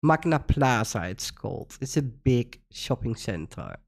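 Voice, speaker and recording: Woman, Dutch accent, slow-paced, lively pitch, casual reaction commentary, laughs a lot. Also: gravelly. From Netherlands. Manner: animated, laughs often, incredulous rhetorical questions. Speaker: reaction channel host.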